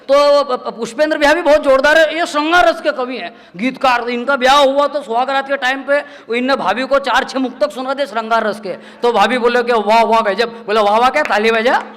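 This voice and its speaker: A man's voice: very high voice, steady tone, a little fast, hardly any pauses, fairly bright tone. A man, performing chatty, self-mocking stories at a live poetry gathering, acting out the voices of the people in them. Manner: chatty storytelling, acts out quoted voices, laughs often. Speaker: stand-up comedic poet. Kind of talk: humorous poetry-stage banter. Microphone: stage microphone.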